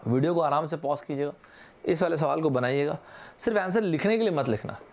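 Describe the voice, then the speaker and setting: A man's voice: on the high side, a little fast. A man with an Indian accent teaching vocabulary in an online exam-prep lesson, switching between Hindi and English and quizzing his viewers. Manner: lively, mixes Hindi with English terms, quizzes viewers directly.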